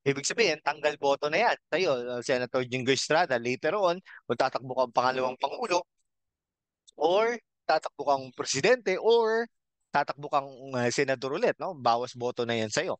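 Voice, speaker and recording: A middle-aged Filipino-accented man hosts his own commentary channel, drifting through his points slowly, dotting nearly every phrase with a questioning "no?" and the odd throat clear. His pitch sits mid-range and the sound is dry and close. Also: lively intonation, no echo, poor audio. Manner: rambling, frequent tag question "no?"; slow, halting with fillers and throat clearing. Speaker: channel host. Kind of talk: casual political commentary vlog.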